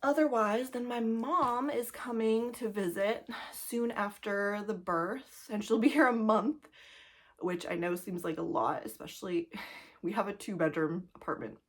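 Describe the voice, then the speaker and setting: A woman's voice: medium pitch, unhurried. A pregnant woman in her thirties chatting casually to camera as a cross-stitch vlogger, laughing often and a little out of breath, full of likes and ums. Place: home, two-bedroom apartment.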